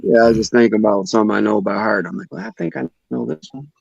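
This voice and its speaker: A man's voice: fairly low pitch, fast, vocal fry, breathy edge, dry recording. A man joining a stream in casual chat, easygoing, heard through a dull lo-fi line. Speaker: stream guest. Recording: dull lo-fi sound.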